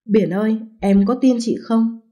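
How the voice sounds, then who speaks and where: A woman voicing a tearful young village wife, soft and choked, in a told story. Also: a little high, unhurried.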